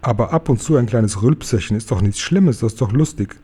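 A man's voice: mid-range voice, expressive, brisk, mellow, breathy edge. A man voicing a polite, patient little girl in a story, speaking in a raised voice with careful questions. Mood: explaining.

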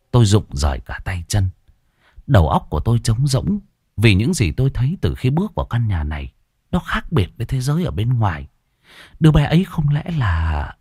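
Husky man reading a ghost story. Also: fairly low pitch, no echo, clean studio sound. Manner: dramatic, expressive first-person reading. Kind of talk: scripted ghost story narration.

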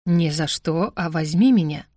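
A woman's voice: sits low, a little slow, warm tone, no room sound, studio quality, pitched below the performer's own voice. A woman voicing a cool, phlegmatic male demon who gives serious, bossy orders in a storybook reading. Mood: deadpan.

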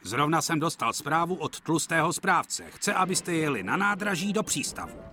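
An urgent quarry foreman shouts warnings , voiced by a man. The voice jumps high and lively over music, cartoon-style.

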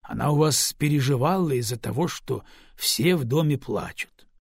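A man's voice: medium pitch, lively intonation, moderate pace, creaky, husky, no echo, clean studio sound. A man doing a grumbling irritated boss. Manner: indignant, grumbling.

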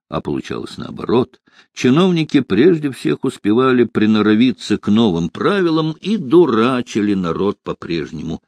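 Male audiobook narrator, animated mid-range voice, dry close sound. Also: mid-range voice, dry recording. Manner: expressive, varied delivery.

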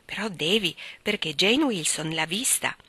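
A woman's voice: on the low side, animated, a little slow, bright, forceful tone, slightly rough, dry recording, exaggerated voice. A woman reading an audiobook, voicing an eager, gossipy young sister. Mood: eager gossip.

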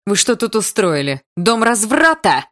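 Storybook part: furious stern schoolteacher lady, shouting orders as a woman reads her. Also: deep voice, steady tone, normal speed, slightly rough. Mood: outraged. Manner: yelling, scolding. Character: strict shouting female teacher.

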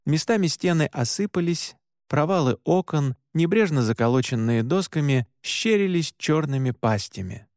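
A man's voice: on the high side, expressive, moderate pace, a little mellow, no room sound. Male audiobook narrator with a dry, close voice. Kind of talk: first-person audiobook narration.

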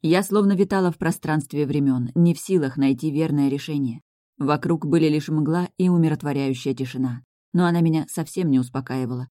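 A woman giving measured first-person narration of a fantasy audiobook. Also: low-pitched, warm tone, dry recording, clean studio sound.

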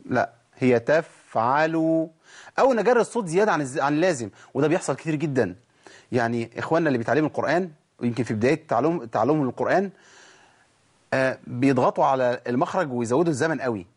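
A man with an Egyptian accent teaching Quran recitation, explaining patiently and demonstrating sounds slowly. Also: medium pitch, animated, slightly rough. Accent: Egyptian Arabic. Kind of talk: recitation lesson.

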